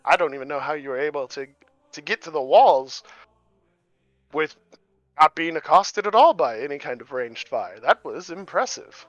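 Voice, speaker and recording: A man's voice: a little high, lively intonation, moderate pace, dry recording, natural voice. A man voicing a scheming adult prince who talks in a formal, wry, persuasive way, on a muffled lo-fi recording. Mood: praising. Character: scheming adult male prince, smooth and commanding. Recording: muffled lo-fi audio.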